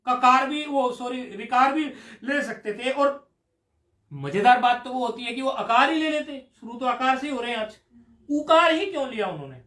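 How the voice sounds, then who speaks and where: High-pitched male teacher lecturing, chants rules slowly, coaxes students; echoey classroom. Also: animated, bright, forceful tone. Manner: drawn-out chanting of sutras, coaxing questions to students. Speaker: Sanskrit grammar teacher. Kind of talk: classroom lecture explaining a grammar rule. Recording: echoey room.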